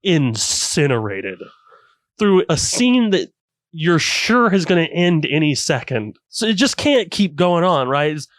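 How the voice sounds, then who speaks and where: A man co-hosting a casual anime podcast, retelling scenes with animated enthusiasm. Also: a little high, measured pace, no echo. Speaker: podcast co-host.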